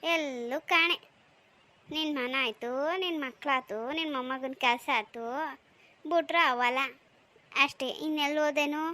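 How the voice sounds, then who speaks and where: A woman's voice: high-pitched, measured pace, pauses often, sharp tone. A woman voicing an old village grandmother in a cartoon, fussing and complaining about chores. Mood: grumbling. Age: older. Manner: complaining, scolding.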